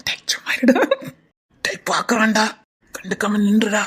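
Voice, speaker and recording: A woman's voice: mid-range voice, steady tone, normal speed, fairly bright tone, husky. Chattering Tirunelveli woman comedian. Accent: Tirunelveli Tamil. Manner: nosy, chattering, teasing. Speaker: sketch comedian. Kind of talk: comic sketch, gossiping bus passengers.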